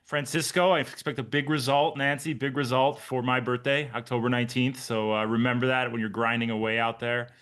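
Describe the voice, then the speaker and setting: A man's voice: mid-range voice, steady tone, brisk, few pauses, fairly bright tone. Upbeat chatty man in his forties. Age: 40s. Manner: upbeat, chatty, addresses listeners by name. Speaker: triathlon coach and podcast host. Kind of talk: casual live call with team. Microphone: video call.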